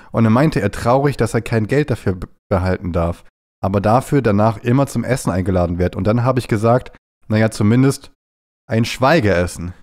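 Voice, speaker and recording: A man with a lowish, darkish voice chats casually on a live stream while gaming. He's playful and jumpy, drifting into silly bits, and his nose is stuffy and runny from a cold.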